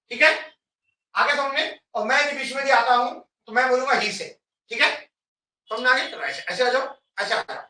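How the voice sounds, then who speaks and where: A man's voice: very high voice, pushed and bright. A man teaching an English lesson to a class, directing students and checking in often. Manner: instructive, repeats "ठीक है?" often, directs students. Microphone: camera at a distance. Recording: echoey room, voice from far off.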